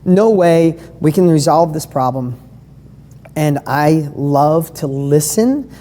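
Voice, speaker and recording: A business coach with a deep, warm voice leads a live online training session. She talks in an enthusiastic, conversational way, firing questions at her audience, and the recording carries a long hall reverb.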